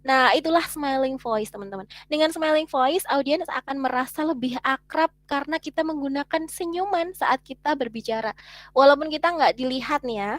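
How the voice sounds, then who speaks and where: A woman from Indonesia teaches a class over a video call in a lively, chatty way, often turning to the audience with questions. Her voice sits high. The sound is dry and close, with no room echo. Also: moderate pace. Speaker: webinar teacher. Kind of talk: online teaching lecture.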